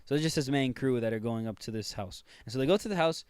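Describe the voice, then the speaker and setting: Fast-talking slangy young man. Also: mid-range voice, lively intonation, a little mellow, smooth, dry recording. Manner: fast, slangy, lots of quick agreeing yeps. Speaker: podcast co-host. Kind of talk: casual chat recapping a film.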